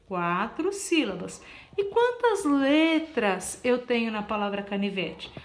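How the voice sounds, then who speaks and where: A woman's voice: on the high side, very animated, slow, slight background noise. A woman teacher giving a patient classroom explanation, spelling out letters one by one, counting aloud and checking in with "tá?". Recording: echoey room.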